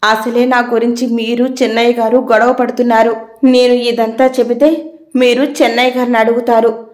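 A woman's voice: on the high side, echoey room, lightly acted. A woman voicing a timid, devoted young servant girl who speaks deferentially. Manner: pleading, deferential.

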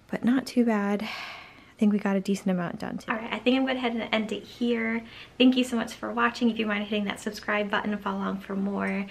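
Her voice sits at a medium pitch with vocal fry: a home vlogger in her thirties making relaxed, chatty small talk. Fillers such as "like" and "honestly" come up again and again.

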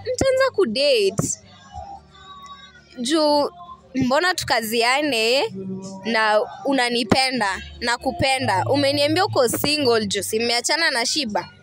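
Defiant young Kenyan woman, high voice. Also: expressive, unhurried, fairly bright tone, faint music behind. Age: 20s. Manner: defiant, insistent, repeats herself. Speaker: interviewee. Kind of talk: emotional street interview. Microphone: handheld mic.

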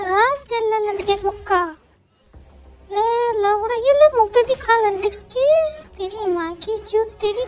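A man voicing a swaggering, foul-mouthed young gangster don in a comic game dub, taunting and cursing nonstop through a sped-up chipmunk pitch.

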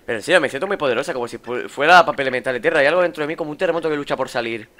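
A man's voice: fairly high pitch, very fast, bright, forceful tone. A man with a Spanish accent from Spain reading the lines of a cheerful young female paper sidekick in a video game. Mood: playful.

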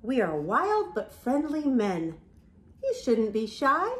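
Recorded at home on camera, an older woman reads a picture book to young children, animating the story with gasps and whispers. Her voice is fairly high and slow, and the indoor room sounds echoey.

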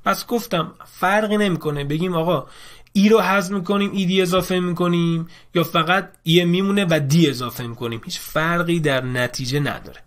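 A man runs a classroom grammar lesson in a somewhat high voice. He explains each rule patiently and circles back to repeat the key points. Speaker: English teacher.

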